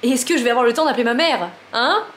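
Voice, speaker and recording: This vlogger talks rapid-fire in a slightly high, somewhat bright voice, chatty, frazzled, and self-mocking as she films a casual home vlog. The recording picks up kitchen echo and a faint hum of room noise.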